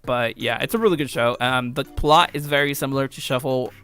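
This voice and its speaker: This young man hosts videos and makes games as an amateur, and his mid-range voice comes out a little fast, bright and forceful. He rambles casually through let's play commentary, brushing off his own work in a self-deprecating way, with music in the background.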